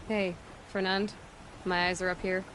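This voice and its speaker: A wry young huntress from a video game, deadpan and unimpressed. Her voice has faint noise in the background. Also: lowish voice, a little slow, poor audio. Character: dry-witted young woman hunter.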